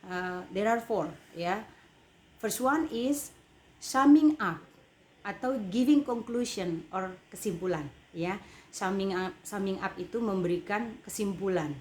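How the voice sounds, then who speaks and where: A woman's voice: on the low side, darkish tone, a little hiss or hum. A woman with an Indonesian accent teaching an English lesson. She explains step by step and repeats each point in two languages. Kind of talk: bilingual online lesson.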